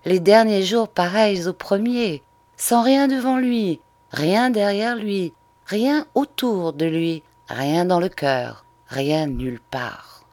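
A woman narrating a literary audiobook in a measured, expressive way. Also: medium pitch, no echo.

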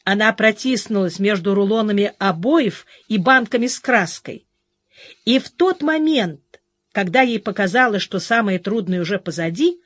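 A woman reads an audiobook in an even storytelling manner. Her voice is fairly high for a woman, and the recording is dry and close, with no room echo. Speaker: audiobook narrator. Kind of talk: scripted narration.

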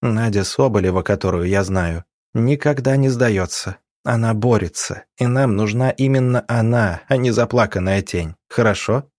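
A man's voice: on the low side, animated, a little slow, hardly any pauses, a little mellow, dry recording, clean studio sound. A man voicing a young woman who speaks firmly and insistently in an audiobook.

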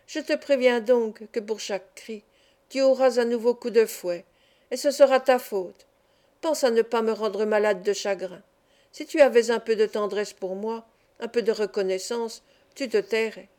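A woman's voice: on the high side, moderate pace, dark tone, close to an everyday voice. A woman reading an audiobook and voicing a sly, cruel master of children who talks in a honeyed, mocking way. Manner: honeyed, mocking, with sudden threats. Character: sly, cruel middle-aged man, a child-exploiting master.

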